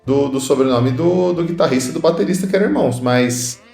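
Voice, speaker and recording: A man's voice: mid-range voice, lively intonation, brisk, creaky, dark tone, echoey room, faint music behind. A man co-hosting a podcast, chatting casually and recounting movie trivia with playful asides. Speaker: podcast co-host. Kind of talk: casual film chat.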